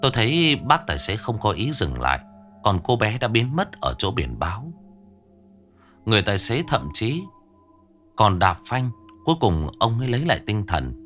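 A man's voice: lowish voice, sing-song, moderate pace, fairly bright tone, soft background music. A man narrating a ghost story in a tense, dramatic storytelling manner.

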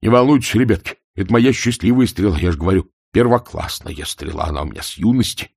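A man's voice: deep voice, fast, creaky, darkish tone, slightly rough, dry recording, studio quality, exaggerated voice. A man voicing a nervous, blustering older male sergeant who grumbles and mutters in an audiobook.

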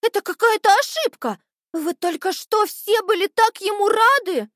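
A man's voice: very high-pitched, lively intonation, normal speed, fairly bright tone, no echo, clean studio sound, voice pushed up. A man voicing an earnest little puppet girl who protests urgently.

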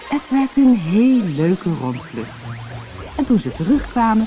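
A woman narrating a children's fairy tale in an expressive storybook reading. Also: low voice. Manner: expressive, lively.

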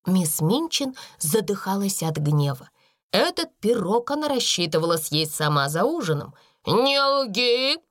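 Expressive woman narrating a storybook. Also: lowish voice, normal speed, dry recording, clean studio sound. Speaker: audiobook narrator. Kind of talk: scripted narration.

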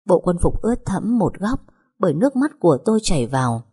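Breathy woman narrating a sad story. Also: on the low side, big pitch swings, warm tone. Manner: slow, sorrowful storytelling. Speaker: audiobook narrator. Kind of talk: first-person story narration.

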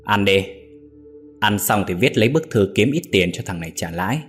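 A cruel, brutish son, as a male storyteller plays him, snarling and cursing in a low, harsh voice. A storybook villain, contemptuous and bullying, with faint music behind. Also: animated, normal speed, close to an everyday voice.

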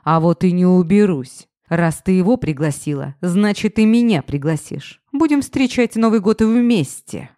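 A woman voicing a pushy, drunken ex-husband who talks cocky and loud. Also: fairly low pitch, expressive, normal speed, hardly any pauses, no room sound, studio quality, close to an everyday voice. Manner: boisterous, cocky.

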